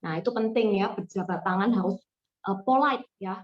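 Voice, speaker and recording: A woman's voice: medium pitch, fairly quick. Woman trainer on a dull call. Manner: lively, addresses listeners warmly as friends, mixes in English words. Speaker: sales trainer. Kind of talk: online training talk.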